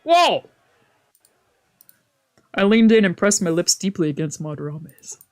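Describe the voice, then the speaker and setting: With a high voice, big pitch swings and an unhurried pace, a man plays through a visual novel on stream. He reads passages aloud between casual commentary, reacting, cursing, trailing off and often fixing his own words.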